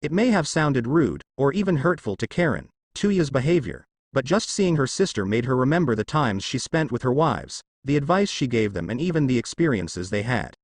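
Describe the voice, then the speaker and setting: A man reads a fan fiction story aloud and speaks every character's lines in his own narrating voice. His pitch rises and falls in a lively way. The sound is dry and close, with no room echo. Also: moderate pace, few pauses. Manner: reads all parts in one steady narrating voice, tag lines included.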